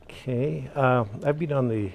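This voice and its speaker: A man who sits on a housing board, answering slowly with many "uh" pauses. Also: mid-range voice, vocal fry. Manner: slow and deliberate, many "uh" pauses. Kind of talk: interview answers. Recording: faint background noise.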